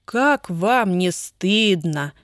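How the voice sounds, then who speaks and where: A woman reading the part of a kindly old grandmother who gently scolds, in a dry recording. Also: medium pitch, lively intonation, moderate pace, dry recording, lightly acted. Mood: reproachful.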